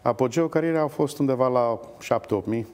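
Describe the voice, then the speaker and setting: A middle-aged man, an opera singer, telling stories with hesitations in a TV interview. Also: medium pitch. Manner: animated anecdotes with hesitations. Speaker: guest, opera bass-baritone. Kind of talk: storytelling in a TV interview.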